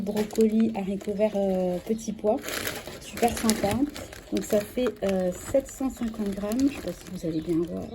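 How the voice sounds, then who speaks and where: A woman in her thirties with a French accent, chatting casually through a grocery unboxing vlog, correcting herself often and filling pauses with "euh". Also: a little high. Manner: chatty, self-correcting, many fillers. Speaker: vlogger. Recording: clear background noise.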